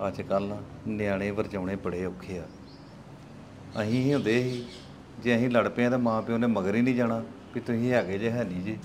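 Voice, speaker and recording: A man's voice: fairly low pitch, fairly even intonation, brisk, noisy background, lightly acted. A man playing a middle-aged village father who coaxes his son and plots with his wife. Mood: fatherly. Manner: coaxing, fatherly. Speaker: actor. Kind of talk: family drama skit.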